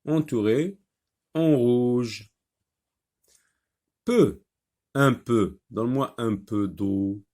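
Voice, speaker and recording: A man teaching a French phonics lesson, saying each word slowly and repeating it with patience. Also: medium pitch, animated, warm tone. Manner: slow, patient, repeats words clearly.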